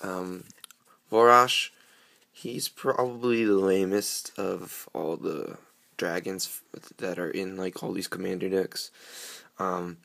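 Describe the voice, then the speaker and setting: A young man talks through an unboxing in a rambling, casual way, full of ums and restarts. His voice sits very low, and the cold he has leaves it grating and gravelly. It sounds like a camera mic in a room at home. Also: fairly even intonation, slow pace, bright, forceful tone. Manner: rambling, filler-heavy. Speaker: card game vlogger.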